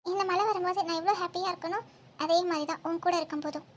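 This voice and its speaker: A woman's voice: very high voice, fairly even intonation, rapid-fire, a little hiss or hum. A woman voicing a cheerful, stubborn young woman in love in a cartoon, speaking playfully. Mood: tender. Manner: playful, teasing. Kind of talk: cartoon voice acting.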